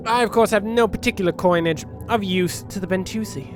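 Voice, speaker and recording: Over game music and spaceship noises, a man with a runny, sniffling nose rambles and jokes as a let's play host, answering the characters on screen. He has a high voice and a brisk delivery.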